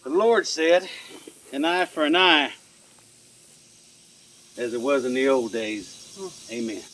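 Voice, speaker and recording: A man's voice: medium pitch, slow, fairly bright tone. A man, playing a rural preacher who rouses a mob with scornful scripture. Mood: preaching. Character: menacing rural preacher leading a lynch mob. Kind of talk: film drama acting.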